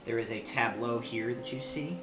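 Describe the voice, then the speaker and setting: A man narrating a tabletop game as game master, haltingly, often searching for his words. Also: mid-range voice. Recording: echoey room, loud background music.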